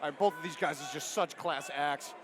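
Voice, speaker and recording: A man giving live MMA commentary from cageside in an excitable, emphatic way. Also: fairly high pitch, brisk. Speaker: fight commentator. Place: cageside at a live fight event. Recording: noisy live venue ambience.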